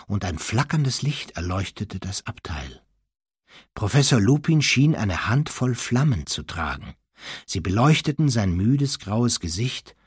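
A man reads a novel aloud in a low, very husky voice. His storytelling is expressive, and his pitch rises and falls in a lively way. The recording is dry and close, with no room echo. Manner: expressive storytelling, voicing the characters. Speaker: narrator. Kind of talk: audiobook reading.

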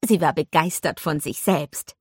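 A woman narrating a children's adventure story with calm, even storytelling. Her voice has a soft, breathy quality. It is recorded close on the mic in a dry, dead room. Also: deep voice, a little slow, dry recording. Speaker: audiobook narrator.

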